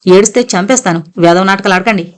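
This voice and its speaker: A woman's voice: mid-range voice, fast, natural voice. Audiobook part: a sarcastic, cruel husband who barks at his kids, read by a woman narrator. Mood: sneering. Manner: sarcastic, harsh scolding. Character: sneering, violent middle-aged husband.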